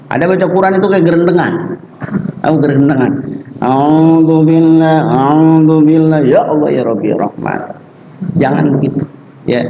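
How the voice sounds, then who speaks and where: A man's voice: on the high side, darkish tone. A man teaching Quran recitation in a mosque, speaking emphatically and stretching out the example sounds. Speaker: religious teacher. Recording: echoey, dull lo-fi mosque recording.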